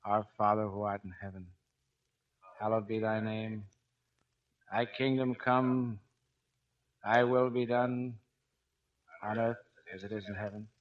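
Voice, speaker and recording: A man's voice: fairly low pitch, fairly even intonation, unhurried, long pauses, close to an everyday voice. A man playing a tough, commanding but caring navy chief in 1940s radio acting. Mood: solemn. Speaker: actor in a radio drama. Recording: dull 1940s radio broadcast recording.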